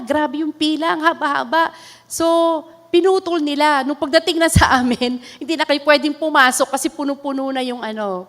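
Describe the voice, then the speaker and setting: A high-pitched woman with a Filipino accent preaches an earnest testimony, slipping between English and Tagalog with soft laughs. Her voice rings with the long reverb of a church hall. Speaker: pastor. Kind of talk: sermon testimony.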